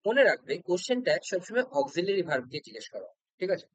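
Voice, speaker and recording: Guy teaching grammar for exam prep, kinda high voice, slow and patient, keeps asking "okay?", dry room sound. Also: lively intonation, dry recording, poor audio. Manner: patient, repeats points and checks in with "okay?".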